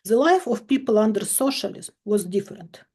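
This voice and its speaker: A woman in her fifties from Ukraine, a chemistry professor giving a measured, emphatic recorded lecture with dry irony. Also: medium pitch, lively intonation, warm tone, slightly rough.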